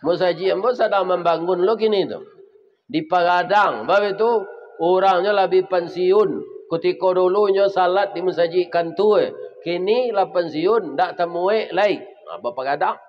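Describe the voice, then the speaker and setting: A man's voice: high-pitched, measured pace. A man with a Minangkabau accent preaching a sermon, talking animatedly to the congregation and often asking them rhetorical questions. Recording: dull lo-fi sound.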